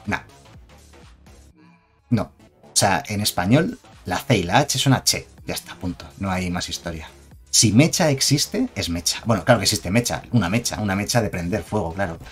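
A man's voice: low voice, animated, normal speed, faint music behind. A man with a Spain Spanish accent giving chatty, digressive live-stream commentary on game cards and reading chat aloud.

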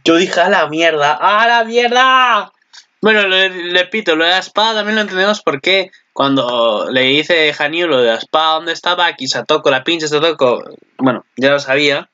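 A young man talks through an anime episode in loose, rambling commentary, jumping into excited outbursts. His voice sits a bit high and sounds bright and forceful. The home recording is dull and lo-fi. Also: brisk. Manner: excitable, rambling, jumps to loud exclamations. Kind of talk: casual video commentary.

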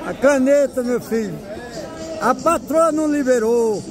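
A man's voice: extremely high pitch, unhurried, a crowd in the background. A man with a Northeastern Brazilian accent giving casual, jovial, teasing commentary in short repeated exclamations. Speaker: vlogger touring a street market. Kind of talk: casual spontaneous market commentary. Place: outdoor street market. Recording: busy outdoor market with music and traffic.

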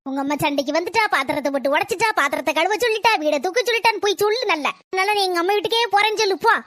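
A woman's voice: very high voice, rapid-fire, a bit bright, dry recording, studio quality. A woman voicing a quarrelsome, grumbling old mother-in-law in a cartoon, scolding and sarcastic. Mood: bitter. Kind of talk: cartoon voice acting.

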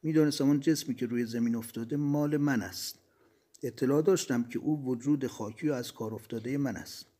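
A man reading as a calm engineer recalling death. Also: medium pitch, lightly acted. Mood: calm recollection. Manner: measured, reflective storytelling. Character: dead male engineer recounting leaving his body, calm.

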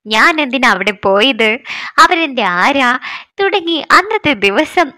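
A woman's voice: high voice, big pitch swings, unhurried, pushed and bright, dry recording, clean studio sound, heavily acted. Woman voicing a teasing, frank young woman. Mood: chatty. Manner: teasing, blunt, sulky banter. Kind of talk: storytelling with voiced dialogue.

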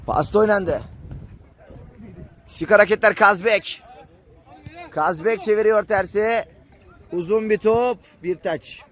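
A man commentating live on an amateur football match, screaming drawn-out goal calls. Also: high voice.

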